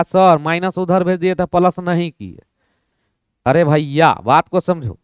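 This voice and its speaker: A man's voice: high voice, clear, resonant tone, no echo, clean studio sound. A man teaching maths in a playful classroom lesson, acting out both sides of a dialogue.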